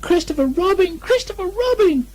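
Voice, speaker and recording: A small anxious piglet: shrill, squeaky, flustered storybook animal. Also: male voice, lively intonation, normal speed, a little mellow. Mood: indignant. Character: small timid anxious young male piglet. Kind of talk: storybook reading.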